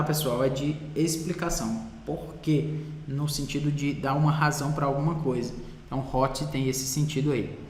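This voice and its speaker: A Brazilian man teaching a Greek lesson in a Portuguese classroom style, patient and repeating words slowly while writing on a board. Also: a little high. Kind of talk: classroom lecture. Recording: roomy hall echo.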